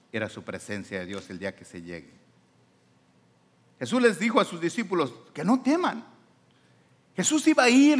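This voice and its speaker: Pastor guy preaching, voice jumps all over, kinda high. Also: a bit bright. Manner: emphatic preaching, voice swinging up and down. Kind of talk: sermon.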